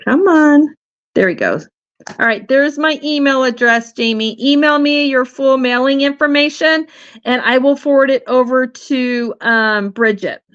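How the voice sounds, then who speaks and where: Her voice sits high and unhurried as she hosts a relaxed livestream, though it's wearing out and she's losing her voice. She talks chattily, full of fillers and false starts. The recording is dull, with no room sound.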